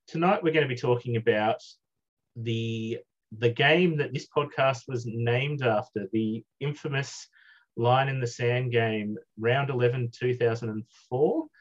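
A man co-hosting a podcast over a video call, steering the talk in a measured way. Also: mid-range voice. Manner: measured, leads the discussion. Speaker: podcast co-host. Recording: dull lo-fi video call audio.

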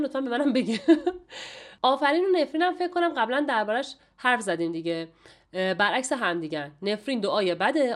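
A woman retelling and explaining an old Persian epic in a lively, chatty storytelling manner. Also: a little high. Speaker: Shahnameh reader and explainer. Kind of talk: storytelling lesson.

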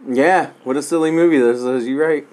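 A man's voice: on the high side, a little fast, a little mellow. A man chatting casually and crudely while reacting to a movie with friends, often laughing.

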